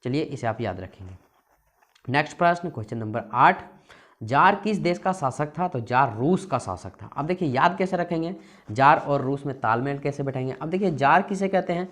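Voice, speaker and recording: A man teaching an exam-prep lesson, asking questions and answering them himself in a lively, coaxing way. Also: on the high side, normal speed. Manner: lively, coaxing, often calls the listener "brother".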